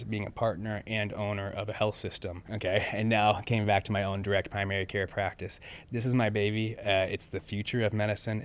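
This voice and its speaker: A man in his forties, a family physician guesting on a podcast, talking emphatically and often tagging his sentences with "okay?". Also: on the low side. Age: 40s. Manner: emphatic, peppers speech with "okay?". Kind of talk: casual interview talk.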